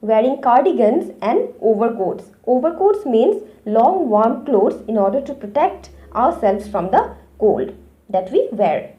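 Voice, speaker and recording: Woman teacher, high and animated delivery that explains words to young children. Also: a little slow, highs cut off. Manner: explains words and speaks directly to young pupils. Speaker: English teacher. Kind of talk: online class lesson explaining a story.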